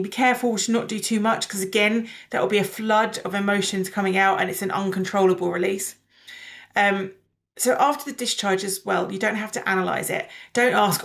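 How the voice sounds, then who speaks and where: A woman's voice: mid-range voice, fairly even intonation, brisk, vocal fry, fairly bright tone. Earnest woman chatting to camera, coachy and personal, sharing her own stories. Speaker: somatic coach and channel host. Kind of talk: casual talk to camera.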